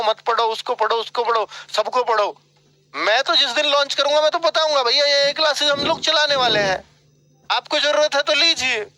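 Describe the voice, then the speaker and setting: A man's voice: extremely high pitch, pushed and bright, dry recording, low-quality recording. A man teaching as an exam coaching instructor, giving direct, scolding study advice and often checking "ठीक है?" with his students. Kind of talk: motivational advice lecture.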